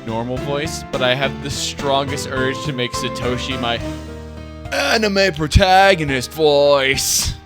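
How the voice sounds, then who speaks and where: Slow-talking sarcastic male game streamer. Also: mid-range voice, over music. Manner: sweary, sarcastic. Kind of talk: casual joking chat over a game playthrough.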